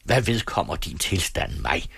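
A man's voice: low voice, sing-song, gravelly, fairly bright tone, husky, no echo, heavily acted. A man voicing a thundering, furious father. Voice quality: raised, thundering delivery. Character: hot-tempered, bullying poor father, middle-aged man. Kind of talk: audiobook reading.

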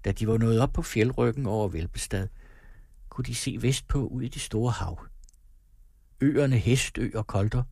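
A man reading a novel aloud as narrator in calm, measured storytelling. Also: medium pitch, gravelly, dry recording, clean studio sound. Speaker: audiobook narrator. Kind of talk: scripted narration.

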